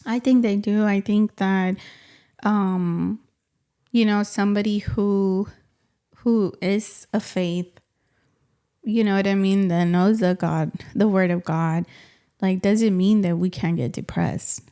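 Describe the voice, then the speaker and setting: A woman co-hosting a podcast in casual, animated conversation, often adding "you know what I mean" and "man". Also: medium pitch, slow, clean tone. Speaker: podcast co-host. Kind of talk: casual chat.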